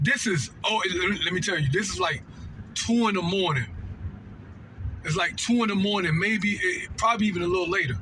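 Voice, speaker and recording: An American man with a high voice tells a personal story off the cuff, talking fairly quickly in a pushed, bright way. He's a storytelling vlogger, slangy and repetitive, who keeps checking the listener follows with "right?" and "know what I mean." The recording is low quality, with a little hiss or hum.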